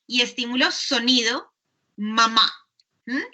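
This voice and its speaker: Bright high-voiced woman lecturing. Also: takes it slowly. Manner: frequent checking tags, patient explaining. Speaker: university lecturer. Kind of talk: online class lecture.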